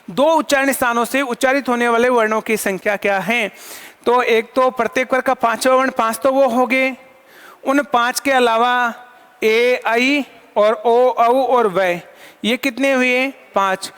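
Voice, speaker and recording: High-voiced man teaching in a reverberant hall. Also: steady tone, moderate pace, sharp tone, smooth. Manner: asks questions and answers them himself, counts items aloud. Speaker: Sanskrit teacher. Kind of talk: online lesson.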